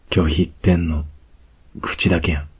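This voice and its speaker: A man with a Kansai accent playing a cocky young male student who teases his teacher, in a whispered role-play with a slow, close murmur. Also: a bass voice, level tone, slightly rough, full character voice. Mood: teasing. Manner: slow, close, teasing murmur with soft laughs.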